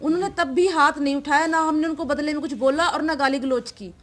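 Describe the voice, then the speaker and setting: A woman's voice: high-pitched, fairly even intonation, fairly quick. A woman in a news interview giving an urgent, aggrieved account, often calling the interviewer sir. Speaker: interviewee, victim's sister.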